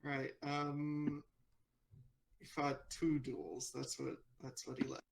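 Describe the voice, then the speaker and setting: A man's voice: mid-range voice, level tone, slow, gravelly, background noise. A man playing a character in a tabletop role-playing game, speaking hesitantly with lots of "uh" and "um". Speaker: player.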